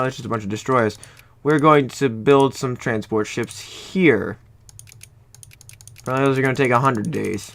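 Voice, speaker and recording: A man's voice: medium pitch, a bit bright. A young man from Ohio, casually commenting on a strategy game he is playing, rambling and correcting himself as he goes. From Ohio, USA. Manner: rambling, self-correcting, jokey. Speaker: gaming YouTuber. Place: home room.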